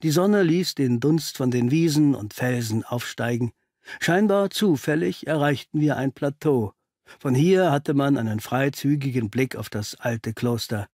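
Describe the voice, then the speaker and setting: A man's voice: mid-range voice, expressive, measured pace, darkish tone, no room sound. Man narrating a German audiobook, dry sound. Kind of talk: first-person scripted narration.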